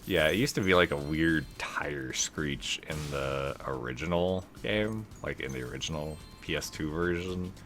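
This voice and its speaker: A man's voice: rumbling low, moderate pace, hardly any pauses, fairly bright tone, faint music behind. A young man giving casual, rambling, laid-back gameplay commentary as a let's play host.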